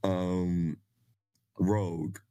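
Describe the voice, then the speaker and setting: A man's voice: low-pitched, level tone, very slow, warm tone, dry recording. A man co-hosting a casual chat, laughing often and joking. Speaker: podcast co-host.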